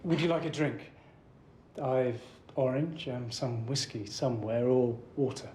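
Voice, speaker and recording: Man playing a halting recluse in an echoey room. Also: medium pitch, fairly even intonation, a little mellow, slight background noise, lightly acted. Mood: awkward, quiet. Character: reclusive male neighbour, light-sensitive, awkward host. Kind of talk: dramatic film acting.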